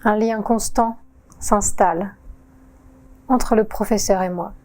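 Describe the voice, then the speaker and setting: A woman yoga teacher guiding a relaxation session in a calm, soothing voice-over with long pauses. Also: mid-range voice. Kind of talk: guided relaxation narration.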